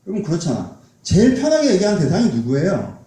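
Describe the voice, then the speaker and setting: A man's voice: sits high, wildly swooping pitch, quick pace, warm tone. A man preaching a sermon as a pastor, speaking conversationally and asking his congregation questions. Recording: echoey church hall.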